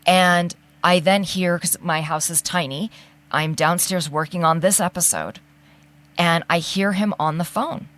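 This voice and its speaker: A woman in casual conversation, an animated storyteller who acts out the people she quotes. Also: fairly low pitch, a little slow. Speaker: podcast co-host.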